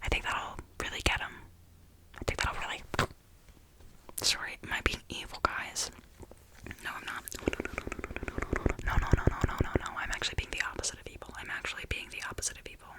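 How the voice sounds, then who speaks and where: A woman's voice: fast talker, pauses often, rough recording. A woman venting in a casual ASMR whisper, exasperated and sardonic, rambling and repeating her phrases. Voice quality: whispery, breathy with creaky edges. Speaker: ASMR creator.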